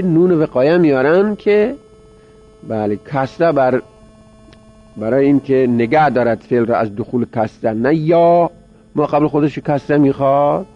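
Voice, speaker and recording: Male teacher, mid pitch, drills words by repetition; dull lo-fi take with hum under faint music. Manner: repeats words aloud, drilling, explaining step by step. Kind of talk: grammar lecture. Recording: dull lo-fi recording with mains hum.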